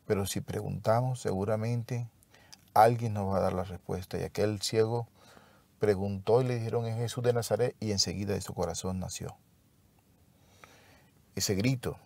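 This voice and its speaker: A man leading a devotional Bible lesson in a slow, reflective way, pausing and restarting as he explains the text. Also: lowish voice, fairly even intonation, vocal fry, a little mellow. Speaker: Bible teacher.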